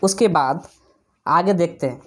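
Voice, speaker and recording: Man, teacher, classroom lesson, explanatory, repeats words slowly for drilling. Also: on the high side. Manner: explanatory, asks and answers his own questions. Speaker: English teacher.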